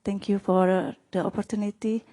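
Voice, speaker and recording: A woman, a city planning official, puts a question to a panel. She halts and searches for her English words. Her voice is mellow and relaxed, at a mid pitch. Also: a little fast. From Indonesia.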